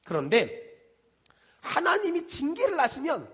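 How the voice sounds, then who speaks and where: A man's voice: extremely high pitch, wildly swooping pitch, measured pace, fairly bright tone. A middle-aged male pastor preaching in a church, repeating refrains with fervor and mixing in folksy stories addressed straight to the congregation. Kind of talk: sermon. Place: church sanctuary.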